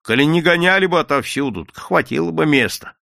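A man's voice: sits high, very animated, measured pace, vocal fry, bright, forceful tone, dry recording, studio quality, voice pushed up, full character voice. A man voicing a fawning, wheedling peasant street vendor in an audiobook reading. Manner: wheedling, ingratiating. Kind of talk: audiobook character voice.

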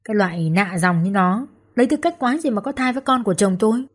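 A woman voicing a jealous, furious young woman who has been jilted, shouting insults. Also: animated, fast, husky. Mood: scornful. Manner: shrill, screaming, insulting.

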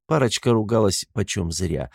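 A man narrating an audiobook in an even, measured reading. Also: fairly low pitch, gravelly, husky, dry recording, studio quality. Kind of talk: scripted narration.

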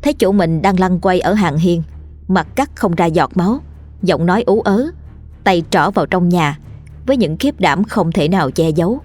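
Female ghost-tale narrator, steady and lowish, soft music under her. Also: moderate pace. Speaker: storyteller.

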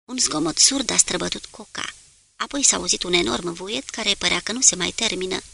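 A woman reading a novel aloud as an audiobook narrator, in a steady, measured way. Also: medium pitch, vocal fry, breathy edge.

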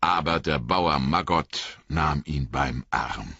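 A man narrating a fantasy audiobook in an expressive storytelling manner. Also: very deep voice, slow pace, creaky, slightly rough, no room sound, highs cut off. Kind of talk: scripted narration.

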